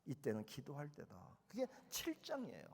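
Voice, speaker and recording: Animated male preacher in a reverberant hall. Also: moderate pace, vocal fry, slightly rough. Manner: animated storytelling, voicing children and parent with big swings in pitch and loudness. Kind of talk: lively sermon with acted-out family scenes. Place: large hall at a retreat.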